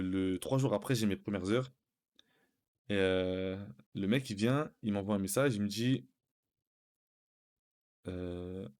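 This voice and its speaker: A young man chats to his stream audience, spinning a personal story with loose street slang. He keeps it animated and keeps calling his listeners brothers. His voice sits at an ordinary male pitch. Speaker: live streamer. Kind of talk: casual anecdote telling.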